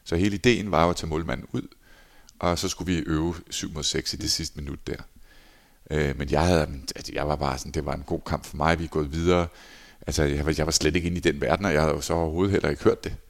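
A man in his forties, a former handball goalkeeper, telling lively anecdotes in a casual interview and acting out quoted lines. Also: a bass voice, vocal fry. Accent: Danish. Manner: animated anecdotes, acts out shouted quotes.

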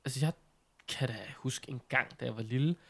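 Man chatting casually, animated and informal. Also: mid-range voice, vocal fry. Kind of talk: casual chat.

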